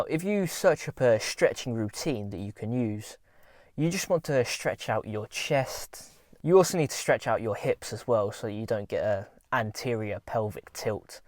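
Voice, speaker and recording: A man's voice: medium pitch, darkish tone, no room sound, studio quality. A young man talking casually to camera, giving earnest, informal self-improvement advice.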